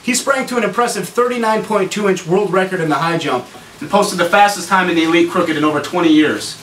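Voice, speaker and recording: A man playing an earnest, oddball sports co-anchor in a parody segment, delivered deadpan. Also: sits high, fairly quick. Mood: earnest, knowledgeable. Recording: echoey, distant mic, faint noise.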